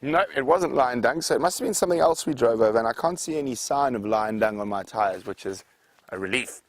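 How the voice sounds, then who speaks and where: A man with a medium-pitched, expressive voice talks briskly while guiding viewers on a live savanna safari from an open vehicle, explaining the wildlife in an unscripted, chatty way. The voice itself sounds dry, though the outdoor vehicle ambience is noisy.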